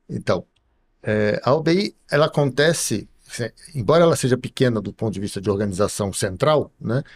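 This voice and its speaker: A middle-aged man, a university professor, explaining things slowly as a podcast guest, with many pauses and tag questions. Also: mid-range voice, expressive, husky. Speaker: computer science professor guest. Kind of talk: podcast interview.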